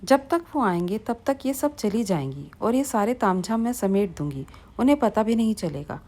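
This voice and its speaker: A selfish young wife who gives curt orders without pity, read by a woman. The storybook delivery stays at a middling pitch, brisk and commanding. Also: big pitch swings, mellow. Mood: bossy. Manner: bossy, curt. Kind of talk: storybook reading.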